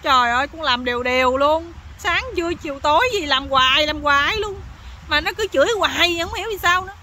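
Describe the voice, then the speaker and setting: A naive, downcast young husband, as a woman storyteller puts him on, pleading mournfully in a Southern Vietnamese accent. His voice sits high and bright. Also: brisk, a little hiss or hum.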